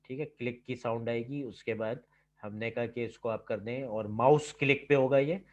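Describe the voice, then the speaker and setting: A man's voice: mid-range voice, normal speed. A man teaching a computer lab over a video call, explaining step by step and checking in with "ठीक है" at every turn. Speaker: lab instructor. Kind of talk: online lab lecture. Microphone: computer mic on a video call. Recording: slightly dull online class audio.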